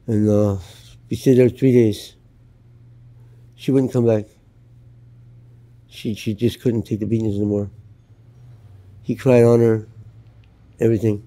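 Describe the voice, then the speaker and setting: A man's voice: on the low side, little pitch movement, a little slow, pauses often, dark tone. An older man from Canada telling his life story in an interview, blunt and plain-spoken. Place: outdoors in Los Angeles.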